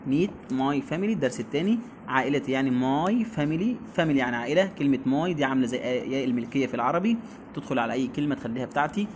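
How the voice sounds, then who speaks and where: A man with an Egyptian Arabic accent runs a beginner English lesson at an everyday pitch. He says each word slowly, repeats it and asks his pupil to say it back. His manner is patient and steady. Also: a little hiss or hum. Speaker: English teacher.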